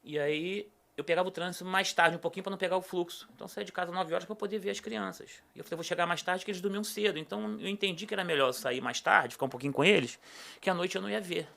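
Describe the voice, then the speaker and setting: A man's voice: high-pitched, very fast, creaky. A middle-aged man, a podcast guest telling a personal story in a casual chat and acting out the dialogue as he goes. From Rio de Janeiro state, Brazil. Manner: animated, acts out quoted dialogue.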